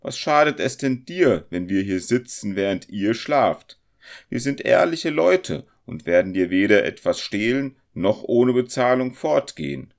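A man voicing an indignant young circle-smith in a storybook reading, loud and protesting. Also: low voice, moderate pace, few pauses, lightly acted.

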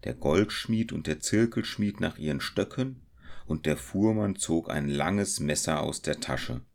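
A man reading a classic tale aloud in a steady, measured storytelling voice. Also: a bass voice, gravelly. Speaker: narrator.

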